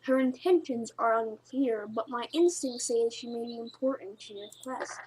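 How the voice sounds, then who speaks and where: A woman's voice: on the high side, normal speed, a little mellow, slight background noise, pitched below the performer's own voice, close to an everyday voice, low-quality recording. A woman doing a Cathbad-style mysterious old druid. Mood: solemn. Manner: attempted accent, slurred into gibberish.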